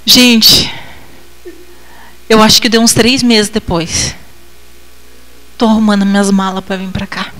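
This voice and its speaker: A woman missionary preaching a testimony sermon, emotional, with dramatic swings in pitch and loudness, acting out her own past replies. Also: steady tone, a little slow, pauses often, poor audio.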